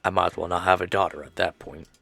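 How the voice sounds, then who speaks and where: A man's voice: deep voice, steady tone, fast talker, vocal fry, a bit bright, breathy edge, no echo, faint music behind, full character voice. A man reading as a grieving obsessive father. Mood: grim, tender. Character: grieving male machine-maker father, obsessive.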